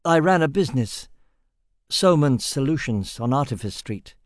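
A man's voice: medium pitch, animated, moderate pace, no echo, studio quality, voice pushed up, natural voice. A man voicing a sick, weary male engineer held captive, with a cough in his lungs. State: coughing, ill.

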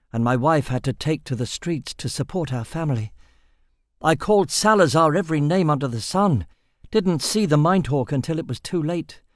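A man's voice: fairly high pitch, no echo, clean studio sound, voice pushed up, natural voice. A man voicing a sick, weary male engineer held captive, with a cough in his lungs. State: coughing, ill.

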